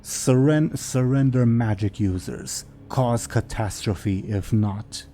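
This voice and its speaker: A man voicing a menacing dragon in a tabletop game, speaking in slow, halting, broken phrases in a dragon voice. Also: medium pitch, dark tone, a little hiss or hum. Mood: stern, demanding.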